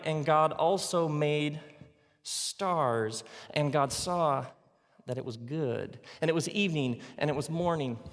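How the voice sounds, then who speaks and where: Man speaking on stage in a reverberant hall. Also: on the high side. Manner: dramatic pauses, playful asides, audience call-and-response. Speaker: speaker teaching on the Bible. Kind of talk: live stage talk. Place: large auditorium with live audience. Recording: long hall reverb from a live venue.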